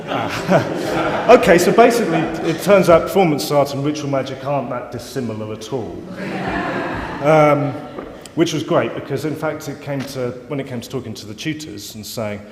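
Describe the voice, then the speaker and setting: Man, mid pitch, wry self-mocking lecturer, echoey hall. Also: measured pace, a crowd in the background. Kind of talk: live lecture to an audience. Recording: roomy hall reverb, faint ambience.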